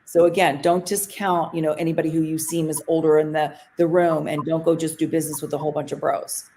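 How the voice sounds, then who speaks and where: Casting: deep-voiced woman co-host, measured advice, faint background noise. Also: level tone. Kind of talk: casual podcast chat.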